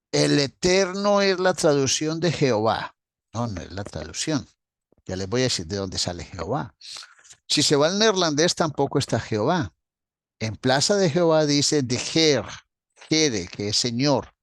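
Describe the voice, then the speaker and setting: A man's voice: mid-range voice, no echo. Man teaching a Bible class, dry sound. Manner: explanatory, addresses listeners directly, repeats key points.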